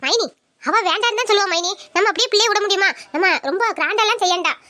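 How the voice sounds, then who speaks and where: A woman's voice: very high voice, quick pace, bright, forceful tone. A woman voicing a caring, practical village aunt who talks persuasively. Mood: earnest. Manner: explaining, persuasive.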